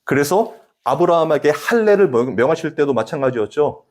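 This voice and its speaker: Korean pastor guy in his 40s preaching, pitch jumps all over, asks the church questions, loud then quiet. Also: fairly quick. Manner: animated preaching, rising emphatic peaks, drops to hushed asides; addresses congregation directly with questions. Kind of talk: sermon.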